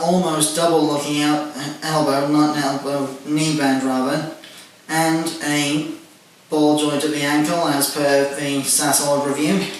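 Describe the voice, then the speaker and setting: A man giving a methodical toy review, listing parts and features one by one. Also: on the high side. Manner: methodical, listing details with "and whatnot". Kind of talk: casual toy review walkthrough. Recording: very echoey room, distant mic, faint noise.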